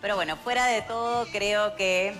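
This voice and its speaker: A woman's voice: medium pitch, steady tone, normal speed, fairly bright tone. A woman chatting casually about gossip as a TV co-host. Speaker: TV show co-host. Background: music.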